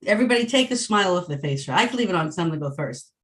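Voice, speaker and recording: A woman's voice: on the low side, lively intonation, racing, a bit bright. Playful woman host on a video call. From Long Island, New York. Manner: playful, explains the game step by step. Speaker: host of an online meetup. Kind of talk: casual group facilitation.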